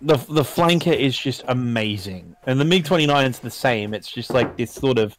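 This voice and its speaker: A man chatting excitedly with friends on a casual live stream about aircraft, now and then putting on mock voices for jokes. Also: mid-range voice, normal speed, slight background noise. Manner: enthusiastic, puts on mock Soviet voices for jokes. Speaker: history YouTuber on a group live stream. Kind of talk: casual banter.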